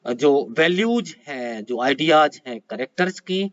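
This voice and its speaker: A man's voice: fairly high pitch, expressive, measured pace. A man teaching an exam-prep lecture, switching between Hindi and English, with many hesitations and self-corrections. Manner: mixes Hindi and English, frequent hesitations and restarts. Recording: dull lo-fi sound.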